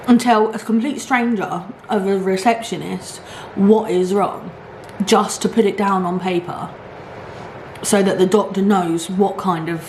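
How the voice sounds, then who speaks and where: A middle-aged woman chatting and ranting casually to camera in an animated, complaining way. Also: mid-range voice. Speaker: mukbang vlogger. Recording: echoey room, clear background noise.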